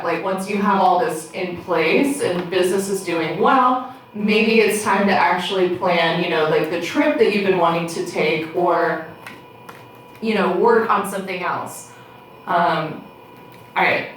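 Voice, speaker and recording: A woman speaking as a fortune teller, giving a casual, unscripted tarot reading straight to the listener and thinking aloud as she goes. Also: fairly low pitch. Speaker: tarot card reader. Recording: echoey room, distant mic, background noise.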